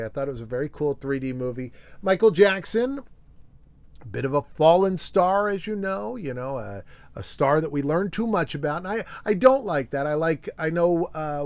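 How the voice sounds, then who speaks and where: A man's voice: fairly high pitch, dry recording. Rambling, upbeat man in a dry room. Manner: rambling, nostalgic, chuckling, with many fillers. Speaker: host. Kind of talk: unscripted casual show-and-tell monologue.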